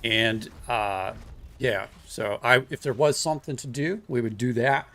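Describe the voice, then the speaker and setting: On a casual live stream, a software developer works on a coding project while chatting in a relaxed, rambling way, greeting viewers in chat and filling his speech with lots of "uh"s and "um"s. He uses a single desk microphone, and his mid-range voice is a little slow with a fairly bright tone.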